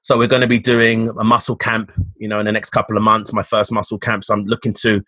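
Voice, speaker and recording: A man's voice: lowish voice, little pitch movement, fast talker, sharp tone, dry recording. A man from London's East End with a Cockney accent, a fitness coach talking as a podcast guest in an upbeat, motivational way, often restarting his sentences. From East End of London, England. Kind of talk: casual interview talk.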